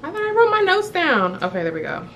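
A woman's voice: high voice, wildly swooping pitch, a little fast, fairly bright tone, a little hiss or hum. A woman in her twenties from South Florida, chatting playfully to camera about herself in a small room. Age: 20s. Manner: chatty, playful, self-described rambler. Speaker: beauty vlogger, licensed esthetician. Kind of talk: casual chat to camera. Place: indoors, small room before a woven screen.

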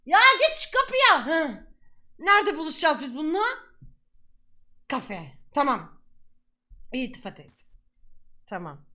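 A woman YouTuber commentating a game she is playing, excitable, shouting at the game and laughing often. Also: high voice, measured pace, pauses often. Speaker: gaming YouTuber. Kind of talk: let's play commentary.

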